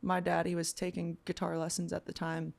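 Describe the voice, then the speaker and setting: A young woman from Virginia, a guest musician, telling her story in a relaxed, chatty way in a casual interview. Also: on the low side, fairly quick, creaky.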